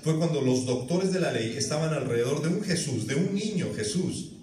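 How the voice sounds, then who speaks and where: A man, preaching a sermon as pastor, telling lively stories and acting out voices. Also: on the high side, normal speed, a little hiss or hum. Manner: animated storytelling with acted-out voices. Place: church hall. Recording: echoey church room, mic at a distance.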